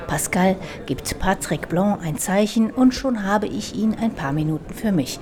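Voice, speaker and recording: A woman reporter giving scripted radio feature narration in a measured, descriptive way. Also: mid-range voice, crowd noise.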